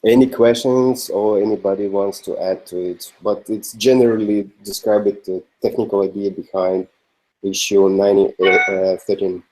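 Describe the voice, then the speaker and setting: A man's voice: fairly low pitch, fairly even intonation, a little mellow, a little hiss or hum, rough recording. Russian accent guy explaining stuff on a dev call, lots of uhs, darkish voice. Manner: halting, many fillers and restarts. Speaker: developer presenting a feature. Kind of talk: casual meeting talk.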